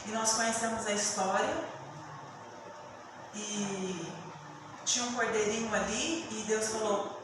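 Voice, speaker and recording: A woman preaching a sermon with emotive storytelling, dropping to a hush and then rising loud again. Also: mid-range voice, steady tone, measured pace, pauses often. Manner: emotive storytelling, swinging between hushed and loud. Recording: echoey hall from far off with room noise.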